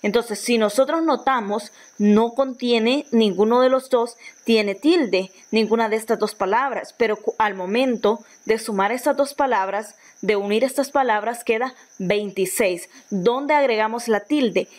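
A woman's voice: on the high side, measured pace, few pauses. A Honduran woman teacher giving a recorded grammar lesson, patient, often repeating and restarting phrases as she explains. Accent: Honduran Spanish.

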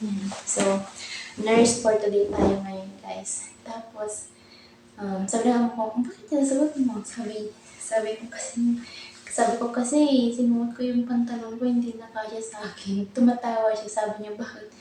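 Chatty, breathless woman vlogger, mellow voice, far from the mic in a roomy space. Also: on the high side, level tone, normal speed, slight background noise. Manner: chatty, rambling, self-laughing. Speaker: vlogger, overseas domestic worker. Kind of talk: casual chatty vlog. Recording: echoey room, mic at a distance.

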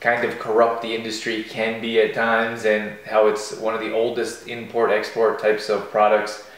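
A man in his thirties co-hosting a casual morning chat at home, relaxed and chuckling often. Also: lowish voice, normal speed. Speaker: co-host. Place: home kitchen. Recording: echoey kitchen room.

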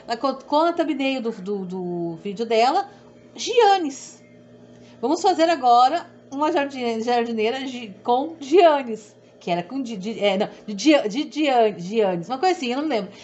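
Middle-aged woman with a southern Brazilian accent, a sewing instructor who chats and rambles, voice a touch high, muffled recording. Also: animated, moderate pace, few pauses, darkish tone. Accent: southern Brazilian Portuguese. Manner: rambling, repetitive, self-deprecating. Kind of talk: chatty sewing tutorial. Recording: dull audio with faint background hum.

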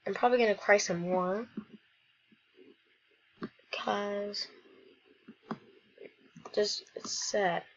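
A woman reads a game story aloud in a playful, rambling way, dropping quick asides between lines. She talks at an unhurried, drawn-out pace at a middling pitch. The recording sounds dull and lo-fi. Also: slight background noise. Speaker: gamer reading a story aloud. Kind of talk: casual commentary while reading game captions.

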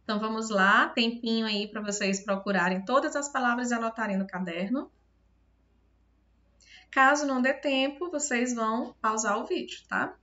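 Bright-voiced Brazilian woman teaching patiently. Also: a little high, moderate pace, muffled recording. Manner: patient, step-by-step, often checks understanding. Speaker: Portuguese teacher. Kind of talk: recorded video lesson.

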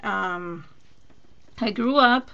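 A Venezuelan woman with a Spanish-accented English voice talks through a live craft demonstration, her mid-pitched voice carrying a noticeable gravelly fry and sounding pushed and bright. She speaks very slowly on a muffled recording, chatting easily, thinking aloud as she works and answering viewer comments.

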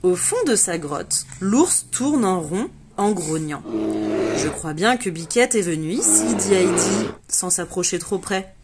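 A woman reading a children's storybook aloud, giving the characters bright, lively voices. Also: medium pitch, a little slow, background noise. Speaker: reader of a children's book.

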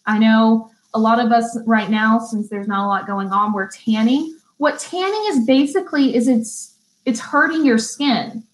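A young woman teaching an online beauty school lesson, reading definitions slowly and chatting between them with easy laughs. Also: a little high, rough recording. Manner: chatty, laughs easily, stumbles and restarts; reads definitions slowly, then chats. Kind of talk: live online vocabulary lesson.

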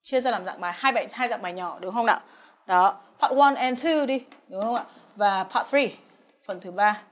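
Faint music plays behind a young woman of medium pitch and normal speed as she walks through English exam answers. She speaks Vietnamese and English words with a Vietnamese accent, remaining patient and regularly checking in with her students.

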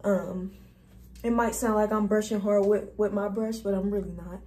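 A woman's voice: mid-range voice, fairly even intonation, moderate pace, dark tone. A young woman vlogger talking viewers through a hair tutorial in a casual, chatty, informal way. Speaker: beauty vlogger.

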